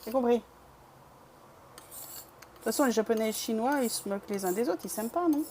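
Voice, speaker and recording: Talkative and self-deprecating, a woman from Bresse in eastern France keeps up casual conversation with her live-stream chat as she paints. Her voice is a little high and fairly quick, dark in tone, with a bit of hiss or hum.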